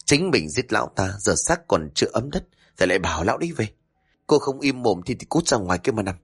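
Harsh, snappish husband, read by a male storyteller, low and husky. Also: big pitch swings, brisk, soft background music, heavily acted. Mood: angry. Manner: snapping, curt. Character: irritable young village husband, harsh.

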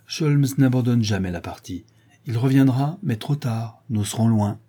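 A man reading a cocky, playful gentleman burglar with theatrical, mocking flourishes. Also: medium pitch, unhurried, husky. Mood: scheming.

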